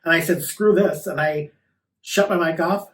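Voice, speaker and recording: A man's voice: a little high, fairly even intonation, moderate pace, a bit bright. A man talking casually in an interview as a sassy, campy drag queen. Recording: roomy echo, distant microphone.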